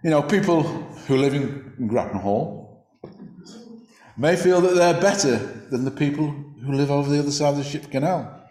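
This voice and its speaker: A man's voice: fairly high pitch, moderate pace, a little mellow. Man from preaching in an echoey room. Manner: reflective, conversational, with small restarts. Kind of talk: sermon. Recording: roomy echo.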